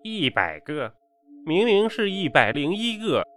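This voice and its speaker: A shrill, sinister old man speaks in a high, piercing voice, cold and knowing, as a male storyteller puts him on. His lines sit well above an everyday speaking pitch and are edged with quiet menace. Faint music plays behind him. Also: sing-song, a little slow, heavily acted. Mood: scornful.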